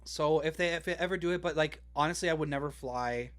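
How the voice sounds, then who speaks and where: A man's voice: fairly high pitch, quick pace, fairly bright tone. A man co-hosting a podcast in casual chat, self-deprecating, swearing and laughing a lot. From Canada. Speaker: podcast co-host.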